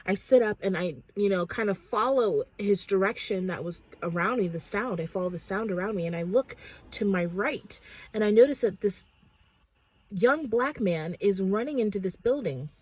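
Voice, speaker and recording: A woman's voice: medium pitch, slightly rough, dry recording. A woman casually recounting a dream in a rambling, hesitant way, with many restarts.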